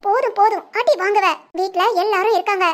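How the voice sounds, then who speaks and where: A woman doing a squeaky giggly cartoon village bride. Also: fairly even intonation, fairly quick. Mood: teasing. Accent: southern Tamil Nadu. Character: young village bride, playful and teasing, easily scared.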